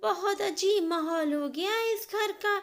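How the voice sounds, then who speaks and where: A woman voicing a spoiled, sulky young married daughter who complains in a whiny, shrill way. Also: measured pace. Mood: petulant angry.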